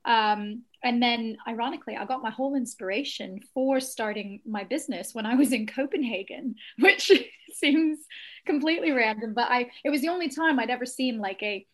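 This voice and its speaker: A woman's voice: fairly high pitch, normal speed, hardly any pauses. Chatty woman with a blended Texan-British accent. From Texas. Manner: chatty and reflective, with many "like" and "you know" fillers. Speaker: guest, cactus shop owner. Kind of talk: casual interview chat.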